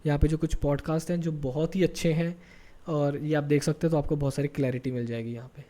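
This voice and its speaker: A man's voice: fairly high pitch, fairly even intonation, fast talker, dark tone. A man in his thirties giving a casual, chatty career tutorial, mixing English terms into his talk and often checking in with "okay?". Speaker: career coach YouTuber.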